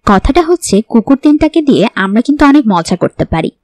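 A woman's voice: on the high side, sing-song, a little fast, a little mellow, no room sound. Woman reading as a young wife, strangely gleeful. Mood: cheerful, teasing. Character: young pregnant wife, oddly cheerful.

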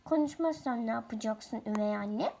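A woman's voice: a little high, moderate pace, vocal fry, mellow, a little hiss or hum. A woman voicing a cheeky, defiant boy who talks back rudely and mockingly in a toy role-play story. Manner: rude, mocking.

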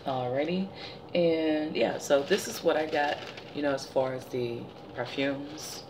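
With a deep, gravelly, slightly weary voice, this forty-something beauty vlogger talks through a product haul at a measured pace, chatty and telling animated stories. She's indoors in her living room beside the window blinds, with a steady hiss under the audio.

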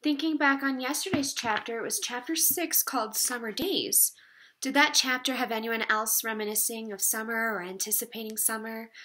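A teacher reads a chapter book aloud to her class in a cheerful, expressive way. Her voice is high and bright, and she pauses to chat with her students between passages.

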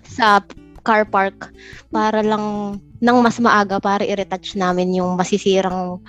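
A woman's voice: mid-range voice, little pitch movement, a little slow, fairly bright tone, soft background music. A young woman from the Philippines, a guest architect telling stories in a casual podcast chat, often laughing mid-sentence. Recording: slightly dull lo-fi audio.

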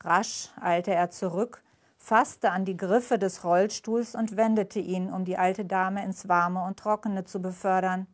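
Brief: woman author reading her own novel aloud, slow and deliberate, mid pitch. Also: steady tone. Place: live reading event.

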